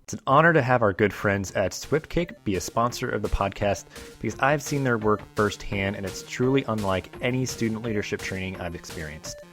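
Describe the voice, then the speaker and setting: A man's voice: fairly low pitch, fairly quick, faint music behind. A man hosting a podcast, talking casually with lots of filler words as he introduces the episode and reads a sponsor message. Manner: relaxed, many fillers. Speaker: podcast host.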